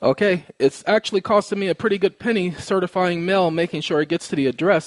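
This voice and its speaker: A man's fairly high-pitched voice, recorded with no echo, lays out a complaint in exact wording. He's polite and formal but insistent, the caller presenting his own recorded phone call.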